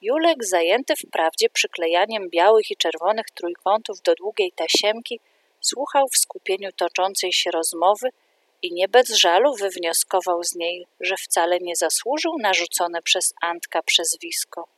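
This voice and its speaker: A woman reading a children's story aloud in a calm, clear narrating voice. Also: fairly low pitch, measured pace, no room sound.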